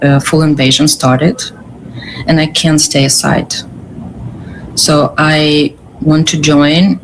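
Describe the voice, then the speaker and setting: A woman with a Ukrainian accent, a curator answering interview questions earnestly, pausing and restarting often. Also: low voice, a little hiss or hum, rough recording. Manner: earnest, halting with pauses and restarts. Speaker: guest, curator.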